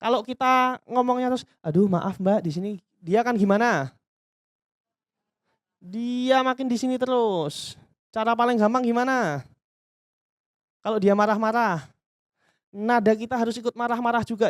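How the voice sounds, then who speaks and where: Brief: animated seminar trainer, mid-pitched voice, dry close sound, acts out customer exchanges. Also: dry recording. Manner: lively, acts out customer dialogues in quick voices; addresses audience directly, asks and answers own questions. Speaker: business trainer. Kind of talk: casual seminar talk.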